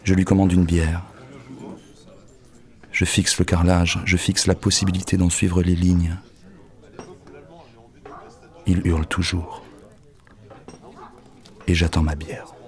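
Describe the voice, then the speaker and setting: An actor playing a bitter, lonely young poet in an audio drama, speaking gruffly and curtly, at times sinking into a hushed half-whisper. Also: male voice, sits low, little pitch movement, unhurried, long pauses. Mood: brooding, weary. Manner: gruff, curt and crude. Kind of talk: poetic audio-drama monologue.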